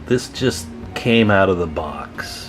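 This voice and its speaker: Faint music plays behind a radio repair channel host as he fiddles with things at his workbench indoors. He speaks slowly in a low voice with lively intonation, chatting to viewers in an informal, folksy manner.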